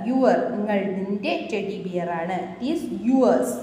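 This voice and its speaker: A woman teacher, drilling young children through an English vocabulary and grammar lesson, reading English phrases slowly. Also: mid-range voice, warm tone, heavy reverb, big-room sound, a little hiss or hum, rough recording. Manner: slow, sing-song drilling of words, English phrases read very slowly.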